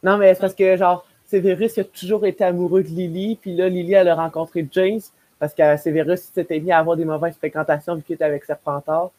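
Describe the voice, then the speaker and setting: A young adult man with a Quebec French accent chats effusively as a panelist in a casual group video call, repeating himself for emphasis. His high, darkish voice stays level and quick with hardly any pauses, picked up by wired earbuds.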